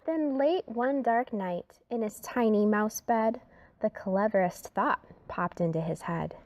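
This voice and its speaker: With a mid-range voice and an unhurried pace, a woman performs a rhyming children's tale dramatically and expressively, now and then lowering to a hush.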